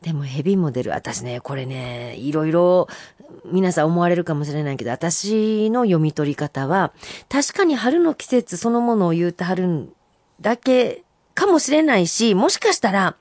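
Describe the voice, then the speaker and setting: Lively Kansai woman radio host. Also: fairly low pitch, no echo. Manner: lively, chatty, reads poems slowly and warmly reacts with laughs. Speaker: radio host reading listener haiku. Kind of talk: radio talk show.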